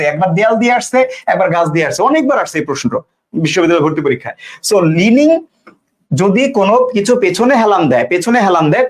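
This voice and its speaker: Guy teaching english live, highish voice, keeps asking the class questions, jokes with commenters. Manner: repeats key points and quizzes viewers with questions; casual, teasing asides to commenters.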